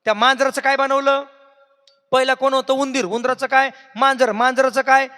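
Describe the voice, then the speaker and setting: A man leading a devotional sermon, firing questions at the crowd. His voice is very high and bright. A long hall reverb follows him. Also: flat delivery, moderate pace, clean tone. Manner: questioning the audience, singsong. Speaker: kirtan preacher. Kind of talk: devotional sermon with call-and-response.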